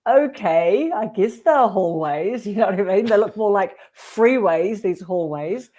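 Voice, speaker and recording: A woman's voice: medium pitch, animated, measured pace, dark tone. A woman in her forties with a New Zealand accent, hosting a casual livestream chat and telling rambling stories with lots of fillers. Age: 40s. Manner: chatty, rambling storyteller with frequent fillers. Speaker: livestream host.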